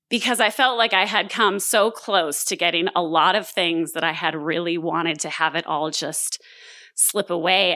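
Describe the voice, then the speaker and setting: A woman's voice: lowish voice, sharp tone. A woman in her thirties from Southern California, telling a true story on stage in a candid, self-deprecating way with frequent fillers. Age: 30s. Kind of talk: live true-story monologue.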